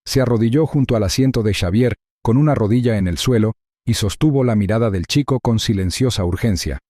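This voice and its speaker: A man giving measured, suspenseful scripted narration of a thriller story. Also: lowish voice, dark tone, dry recording, clean studio sound.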